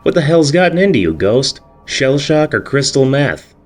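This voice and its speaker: A man's voice: deep voice, normal speed, soft background music. A man voicing a brash, mocking teenage boy who talks crudely and teasingly in a storybook reading.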